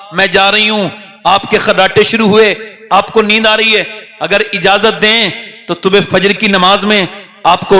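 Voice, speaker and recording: A man preaching a sermon, telling stories and rising to shouts as he leads the crowd. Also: high-pitched, long reverb tail. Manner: storytelling, rises to shouting and leads crowd chants.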